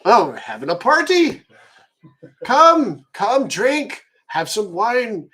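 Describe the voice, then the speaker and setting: A man doing a jovial, high-voiced old camp leader. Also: sing-song, takes it slowly, bright, forceful tone, heavily acted. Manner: jovial, welcoming, rambling with stammered starts. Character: cheerful old male camp leader hosting a drinking party.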